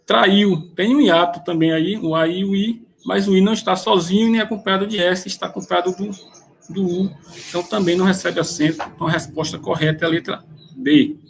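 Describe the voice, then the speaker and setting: A man, explaining grammar exam questions step by step and often pausing to restart a phrase. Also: high-pitched, steady tone, vocal fry. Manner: methodical, pauses and restarts mid-phrase. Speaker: grammar teacher.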